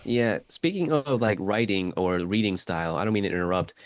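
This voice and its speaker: A man's voice: on the low side, fairly quick, dry recording. A man training as a voice actor, introducing himself earnestly on a video call and sometimes searching for his words. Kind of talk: casual video call chat.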